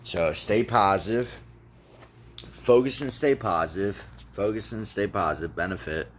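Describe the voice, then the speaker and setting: A man with a low, deep and firm voice talks straight to his viewers about positive thinking. He hammers his points home through repetition and drops casual swearing along the way. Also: unhurried, slight background noise. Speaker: motivational vlogger. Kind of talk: casual motivational talk.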